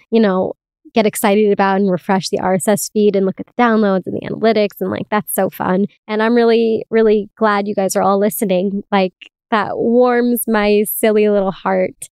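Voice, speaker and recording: A woman's voice: mid-range voice, a little mellow, clean tone, no echo, clean studio sound. A woman podcast host recording inside a closet, talking in an informal, confiding, giggly way in a casual solo chat. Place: inside a small closet with towels.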